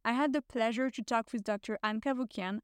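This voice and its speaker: A woman hosting a podcast, reading a scripted introduction with measured, clear delivery. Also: on the high side, dry recording. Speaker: podcast host.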